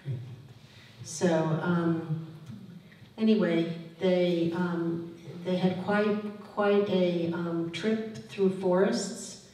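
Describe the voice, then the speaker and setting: An older woman recounting her parents' story at a public talk, hesitant and pausing often. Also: lowish voice, fairly even intonation, dark tone. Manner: hesitant, with fillers and restarts. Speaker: lecture speaker. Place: museum lecture room. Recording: echoey hall from far off.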